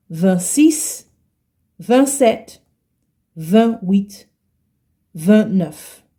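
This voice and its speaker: Slow, patient woman teaching French. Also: mid-range voice, warm tone. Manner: patient, repeats words slowly and checks in with "okay?". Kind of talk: slow explanatory language lesson.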